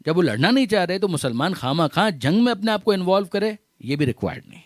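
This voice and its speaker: A man's voice: sits high, lively intonation, dry recording, clean studio sound. A man giving a religious sermon to a gathering, reciting Arabic verses and explaining them with repeated phrases, rhetorical questions and English terms mixed in. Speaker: religious scholar giving a majlis lecture.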